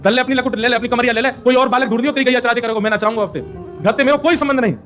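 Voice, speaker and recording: A man's voice: very high voice, fairly even intonation, racing, a bit bright, soft background music. Man doing a pleading little boy Krishna.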